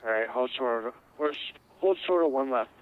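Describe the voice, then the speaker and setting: A man's voice: medium pitch, normal speed. A man talking as a pilot in air traffic control radio exchanges, with casual, tentative replies. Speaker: flight simulation pilot on frequency. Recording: narrow-band tinny radio transmission.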